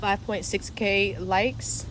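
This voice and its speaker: A woman's voice: medium pitch, takes it slowly, low-quality recording. A young woman from Delaware with a slight New York twang, chatting casually and profanely on a livestream, laughing often. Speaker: spiritual livestream host. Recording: steady background noise.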